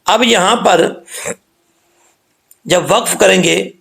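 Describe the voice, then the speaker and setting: A man giving a Quran recitation lesson, who explains each rule patiently and slows down to model the sounds. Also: high voice, vocal fry, fairly bright tone.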